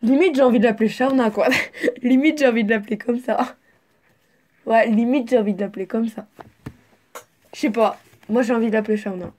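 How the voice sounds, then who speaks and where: A woman's voice: a little high, a little fast, long pauses, darkish tone. A young woman casually reading her own story aloud, rambling and swearing in her asides. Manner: chatty, rambling, swears freely.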